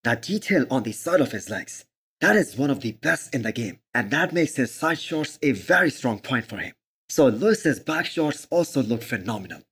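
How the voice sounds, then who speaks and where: Husky man doing emphatic sports commentary. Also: medium pitch, very animated, normal speed, fairly bright tone. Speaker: host of a fitness channel.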